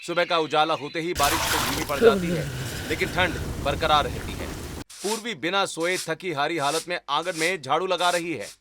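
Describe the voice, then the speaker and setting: A man's voice: fairly high pitch, normal speed, noisy background. A man reading the scripted narration of a cartoon storybook. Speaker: narrator and voice of the drunk brother.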